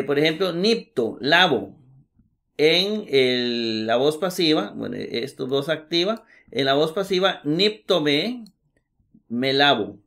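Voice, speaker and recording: A middle-aged man teaching Greek grammar in a recorded class, explaining slowly and repeating examples with many hesitations. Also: on the high side, a bit bright. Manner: slow, patient, repeats examples with many "eh" fillers.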